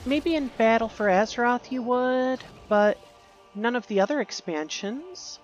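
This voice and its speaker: A woman's voice: fairly high pitch, lively intonation, unhurried, lo-fi sound, soft background music. A woman giving casual, rambling commentary while playing a video game, musing aloud and correcting herself. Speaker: gaming youtuber.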